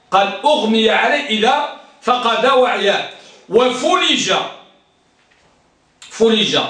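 A man's voice: very high-pitched, bright, forceful tone. A man teaching an Arabic grammar lesson, explaining words, repeating them and asking the class questions. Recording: echoey room, voice from far off.

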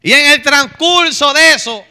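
A man's voice: extremely high pitch, moderate pace, sharp tone, faint music behind. A man preaching a fervent, emotional testimony in a pleading manner. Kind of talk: sermon testimony.

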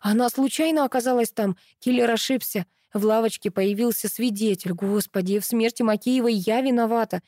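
Woman voicing an excitable amateur sleuth. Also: a little high, no echo, studio quality, close to an everyday voice. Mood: animated. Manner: lively, emotional, quick to exclaim. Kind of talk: audiobook dialogue reading.

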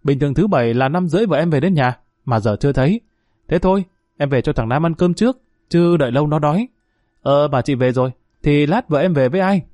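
A man voicing a hot-tempered young husband who talks earnestly and quickly to his family. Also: on the high side, expressive, warm tone, no echo, lightly acted.

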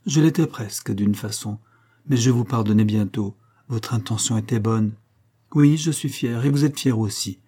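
A man reading an audiobook, voicing a proud, plain-spoken working man in a steady, earnest voice. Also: fairly low pitch, moderate pace, lightly acted.

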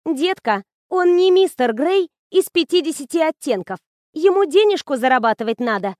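A woman reading the lines of a lively young woman student who teases her friend in an audiobook. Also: high-pitched, moderate pace, no echo, clean studio sound, voice pushed up. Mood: teasing. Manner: bubbly, teasing, animated.

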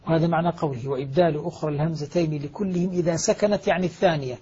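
A middle-aged male scholar explains recitation rules at a rapid clip, leaning hard on each example word. His voice is mellow and husky. The audio is muffled and lo-fi. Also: fairly even intonation. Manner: emphatic, stresses quoted words with rising pitch. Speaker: Quranic recitation scholar teaching.

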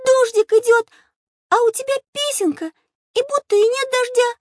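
A woman voicing a dreamy, wistful little lion cub in an audio drama, in a high childlike singsong. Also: moderate pace.

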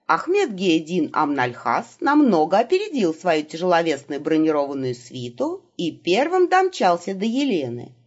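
A woman narrating a humorous fantasy audiobook with expressive, ironic delivery. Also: on the low side, highs cut off. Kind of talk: scripted narration.

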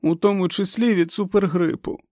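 A man's voice: medium pitch, lively intonation, normal speed, no room sound, clean studio sound, close to an everyday voice. A man voicing a nervous young pregnant woman who speaks hesitantly. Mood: nervous, wary. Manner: hesitant, tense.

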